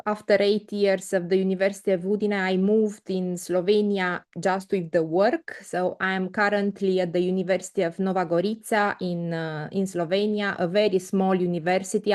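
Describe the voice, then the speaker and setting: A middle-aged woman from Romania lectures on mathematics over a video call. She talks hesitantly, pausing on fillers and restarting phrases. The sound is a laptop mic in an indoor room. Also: mid-range voice, flat delivery, darkish tone. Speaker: invited conference speaker.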